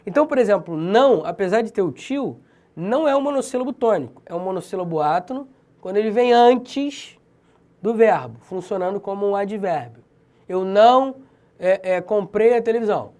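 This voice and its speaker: Lively slangy Brazilian man teaching. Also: high-pitched, moderate pace. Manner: slangy, emphatic, keeps checking in with "beleza?". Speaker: Portuguese teacher for civil-service exams. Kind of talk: casual exam-prep lecture.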